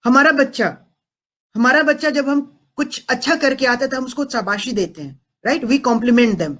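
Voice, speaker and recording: A man's voice: very high-pitched, moderate pace, bright, forceful tone. A man giving a parenting talk to an audience. He switches between Hindi and English and keeps checking in with the listeners. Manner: mixes Hindi and English, keeps asking "am I right?". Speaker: parenting coach.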